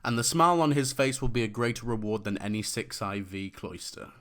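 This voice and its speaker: A man's voice: on the low side, lively intonation, brisk, a bit bright. A young man making a comedic top-five video, talking in a crude, sarcastic and mocking way. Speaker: YouTuber.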